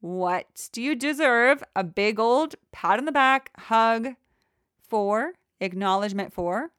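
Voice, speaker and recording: A young adult woman hosting a reflective solo podcast, talking in a gentle, encouraging way that rambles with many fillers. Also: on the high side, lively intonation, slow pace, smooth, no echo, clean studio sound. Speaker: podcast host.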